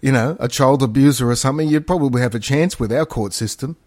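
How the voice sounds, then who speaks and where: A man's voice: mid-range voice, fast talker, a little mellow, no echo, studio quality. A man in casual, opinionated podcast talk, rambling, emphatic and matey, often repeating himself. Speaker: podcast co-host.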